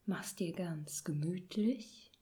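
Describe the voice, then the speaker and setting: A woman hosting a podcast and gently guiding a children's sleep meditation in a soft, whispery voice. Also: fairly low pitch. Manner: soft slow whispered guidance. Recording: meditation music and singing bowls behind.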